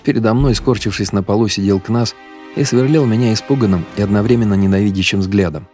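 Deep-voiced male audiobook narrator. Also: faint music behind. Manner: steady, measured storytelling.

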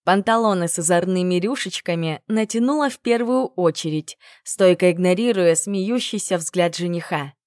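A woman's voice: normal speed, hardly any pauses, no room sound, clean studio sound. Young woman narrating a storybook. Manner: lively, steps up in pitch for the sharp-tongued heroine. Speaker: audiobook narrator. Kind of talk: first-person storybook narration.

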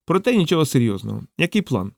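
A man's voice: fairly high pitch, very animated, racing, gravelly, dry recording. A man voicing a wry, gloomy male soldier-physicist in an audiobook, with a dry, grumbling delivery.

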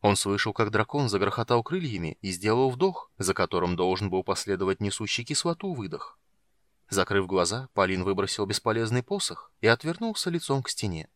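A man narrating a fantasy audiobook with a lively, dramatic delivery. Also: lowish voice, fairly quick, dry recording, studio quality. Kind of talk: expressive fantasy audiobook reading.

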